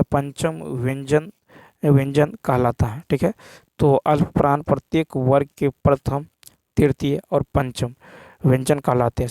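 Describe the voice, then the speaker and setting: Man, teacher, exam practice lesson, repeats answers, gravelly voice, dry close sound. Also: mid-range voice, a little mellow, no echo. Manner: repeats answers slowly for dictation.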